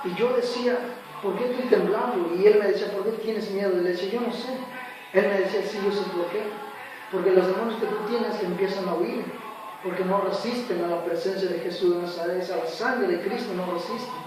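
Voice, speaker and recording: A man's voice: sits high, fairly even intonation, fairly quick, noisy background. A man giving an earnest, dramatic church testimony, acting out the voices in his story. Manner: earnest, dramatic retelling with acted quotes. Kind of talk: spoken personal testimony. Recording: very echoey, far from the mic, faint music.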